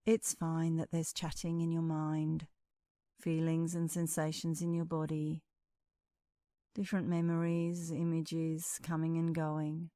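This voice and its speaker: Guiding a meditation, a female instructor speaks in a low-sitting voice that is calm, soothing and measured, with long pauses between phrases. The recording has clean studio sound and no echo.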